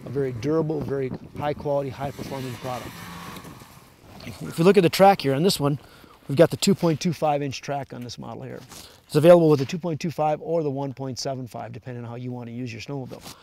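Fast-talking gravelly man outdoors. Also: medium pitch, dark tone, a little hiss or hum. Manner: plain, explanatory, points out features. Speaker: manufacturer product rep. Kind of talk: product walkaround explanation. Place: outdoors in snow at a sled event.

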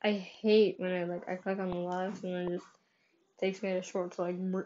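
A woman's voice: on the low side, level tone, normal speed, dark tone, muffled recording, slight background noise. A woman hosting a live gaming stream, chatty and upbeat, heard through livestream headset mic audio. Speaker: livestream host.

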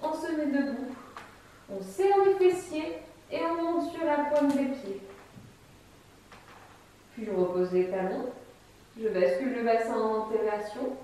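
With a high voice and an unhurried pace full of frequent pauses, a woman in her thirties gives calm, step-by-step cues for a chair exercise class while she demonstrates. The distant camera mic catches her in a big, echoey, bright empty room with a wooden floor, along with slight background noise.

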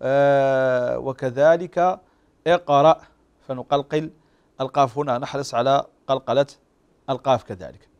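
A man teaching Quran recitation rules on a TV program, slowly demonstrating how each word is pronounced. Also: medium pitch, clear, resonant tone, muffled recording. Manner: slow, drawn-out demonstration of pronunciation; explains calmly with frequent fillers. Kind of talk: tajweed lesson on a TV show.

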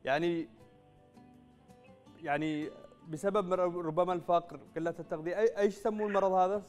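A man's voice: high voice, fairly even intonation, a little fast, a little mellow, smooth, soft background music. A man in his thirties with a Yemeni Arabic accent, presenting a live TV call-in quiz and announcing prizes. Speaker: TV quiz show host. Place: TV studio.

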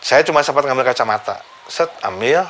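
A man's voice: medium pitch, a little fast. Man speaking with a lilt, retelling it casually. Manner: animated, chuckles while telling, acts out the quoted voices. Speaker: vlogger recounting his accident. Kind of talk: casual first-person storytelling.

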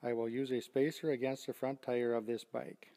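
An older man giving a steady, scripted step-by-step demonstration of loading bikes onto a rack. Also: medium pitch, moderate pace, big-room sound. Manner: steady, methodical step-by-step explaining. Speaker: product demonstrator. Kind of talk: scripted instructional narration.

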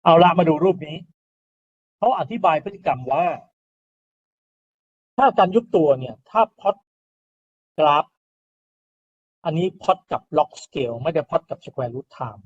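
A man's voice: a little high, expressive, slow, long pauses, slightly rough, lo-fi sound. A male engineering lecturer giving an informal recorded lecture. He explains step by step and often checks in with "right?". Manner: explains step by step, often asks "right?" and adds polite particles.

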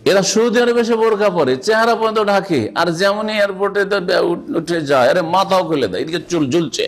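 Man giving an animated hadith sermon. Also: sits high, fast. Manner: explanatory, quoting Arabic and asking the audience rhetorical questions. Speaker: Islamic scholar giving a religious lecture.

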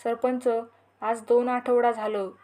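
A woman reads out a worried village father pleading with the headman in homely rustic speech, his voice set a little high in a storybook telling. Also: flat delivery, takes it slowly, dark tone.

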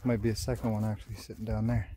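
A man's voice: fairly low pitch, flat delivery, racing, dark tone. A man in his thirties from Canada talking casually and enthusiastically in slangy, folksy phrases as an outdoor vlogger. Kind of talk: casual vlog commentary while shed antler hunting. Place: outdoors on wooded, rocky hillsides. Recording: clearly noisy outdoor handheld recording.

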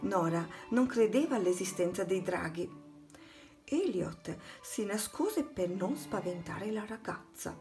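Expressive woman reading a storybook. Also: medium pitch, unhurried, over music. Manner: expressive, dramatic read-aloud. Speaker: storybook narrator. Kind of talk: children's storybook narration.

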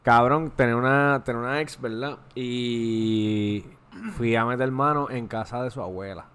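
A man's voice: medium pitch, normal speed, a bit bright, smooth. A man, co-hosting a podcast and telling crude, joking anecdotes. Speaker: podcast co-host. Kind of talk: casual chat.

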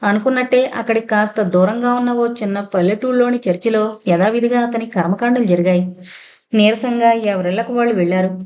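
A woman narrating a suspense novel in a steady, even storytelling manner. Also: on the high side, brisk. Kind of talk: scripted audiobook narration.

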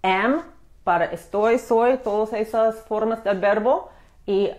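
Slow, patient woman teaching a language lesson. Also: a little high, darkish tone. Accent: American English accent in the English words. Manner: slow, patient explaining with many restarts and fillers. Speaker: English teacher. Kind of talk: live-streamed language lesson.

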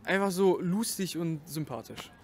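A man's voice: high voice, animated, moderate pace, breathy edge. A young man, a rapper, chatting casually in slang in an interview. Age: young adult. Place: outdoors in a leafy park. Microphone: shared handheld interview microphone.

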